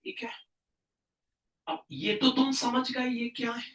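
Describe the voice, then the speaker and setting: Male tutor, classroom lesson, self-answering drill style with shouted emphasis, bright voice, distant echoey mic. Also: very high voice, fairly even intonation, slow pace. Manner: asks questions and answers them himself, loud bursts of emphasis; mixes English science terms into Hindi.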